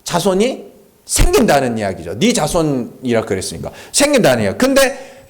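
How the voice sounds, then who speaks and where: Preaching in a church sanctuary during a Friday prayer meeting, this male pastor has a high, animated voice and a moderate pace. His style is emphatic and conversational, with frequent rhetorical questions aimed at the congregation.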